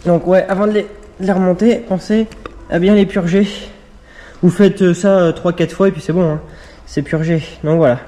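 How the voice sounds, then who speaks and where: A man with a high-pitched, warm voice explains a car repair in casual how-to vlog style, speaking at a moderate pace with a steady tone. He's outdoors in the rain, chatty and filler-heavy, talking straight to his viewers.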